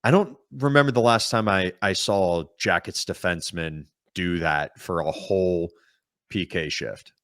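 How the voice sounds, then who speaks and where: A man co-hosting a sports podcast, talking casually and at length in a calm, explaining way. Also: sits low, measured pace, dry recording, clean studio sound. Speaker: podcast co-host.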